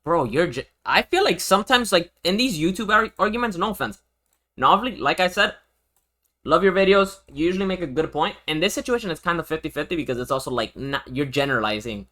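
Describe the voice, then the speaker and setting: A young Venezuelan man streams himself reacting to a video, talking fast in a fairly high, bright, expressive voice. His speech is casual, slangy and repetitive, with lots of swearing.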